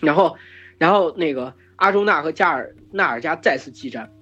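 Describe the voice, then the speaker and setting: A hoarse man hosting a podcast, retelling an epic in casual chat, full of fillers and restarts. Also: a little high, lively intonation, a little fast, pushed and bright. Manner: rambling with many fillers and restarts. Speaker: podcast host retelling myths. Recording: dull lo-fi podcast recording with faint music.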